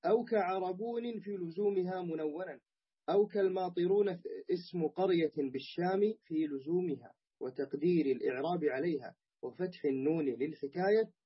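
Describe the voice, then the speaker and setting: A male student reads a classical grammar text aloud in a measured, formal recitation. His voice is a little high and husky. The sound is muffled and lo-fi. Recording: dull lo-fi recording.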